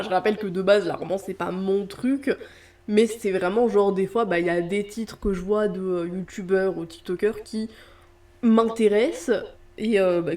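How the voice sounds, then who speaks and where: Chatty young woman, mellow voice. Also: medium pitch. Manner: chatty, hesitant with many fillers and restarts. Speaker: book vlogger. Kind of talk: casual vlog chat. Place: indoor room with street traffic outside.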